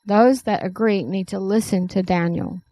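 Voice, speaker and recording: A woman's voice: medium pitch, fairly even intonation, normal speed, warm tone, dry recording, natural voice, low-quality recording. An earnest young princess calls out to a crowd, apologetic yet firm, in a read-aloud fantasy tale, voiced by the woman telling it. Her voice stays close to a plain reading voice.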